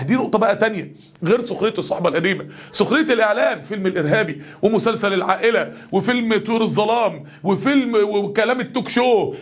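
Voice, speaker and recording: Egyptian preacher guy, talks super fast, high husky voice, acts out the people he talks about. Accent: Egyptian Arabic. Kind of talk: colloquial sermon.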